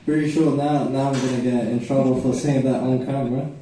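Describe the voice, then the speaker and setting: A man's voice: mid-range voice, level tone, a little fast, mellow. A young Brazilian man whose first language is Portuguese, doing rambling, self-mocking stand-up at an open mic. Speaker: stand-up comedian. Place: open mic comedy venue. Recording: echoey room, from far off.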